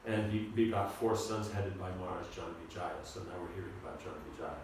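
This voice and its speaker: A man teaching a seminar on scripture, talking in a halting, informal way and often repeating his words. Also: low voice, little pitch movement, background noise. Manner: halting, repeats words, asks the audience to follow. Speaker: spiritual teacher giving a seminar lecture. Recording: echoey room, recorded from a distance.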